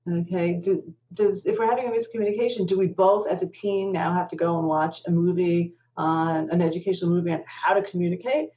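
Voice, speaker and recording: A woman marriage therapist talks through ideas in a relaxed interview. Her voice sits low and mellow, and she tells stories in an animated way, playing every person in them. The recording sounds dull and muffled. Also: fairly quick, few pauses. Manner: animated storyteller, acts out quoted speech. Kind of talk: conversational interview.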